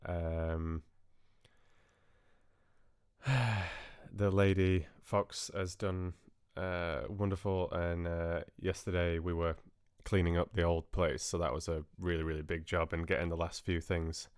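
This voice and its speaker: A livestream host chats casually with his live viewers, friendly and hesitant, drifting into trailing asides. His low, clear, resonant voice is level and slow, recorded clean in a studio with no echo.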